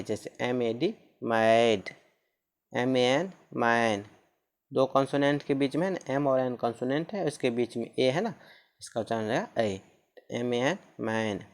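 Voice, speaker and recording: A man teaching a lesson on pronunciation rules, repeating each rule and spelling out words letter by letter. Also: mid-range voice.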